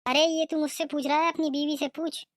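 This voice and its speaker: A woman's voice: high-pitched, little pitch movement, fairly quick, no echo, studio quality, close to an everyday voice. A woman voicing a strict, scolding middle-aged mother-in-law in a cartoon, nagging and complaining. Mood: indignant. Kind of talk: cartoon voice acting.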